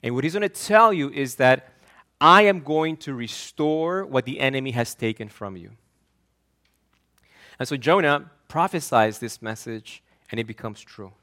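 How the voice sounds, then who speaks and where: A man's voice: medium pitch, a little slow, pushed and bright. A man from Argentina, a pastor preaching an earnest, emphatic sermon that often repeats and restarts words.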